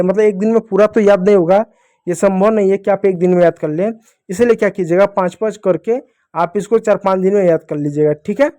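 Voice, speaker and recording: A young man teaches small children how to read, his voice pitched high yet soft and mellow. He goes patiently, posing each rule as a question and then answering it himself. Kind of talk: phonics lesson for young children.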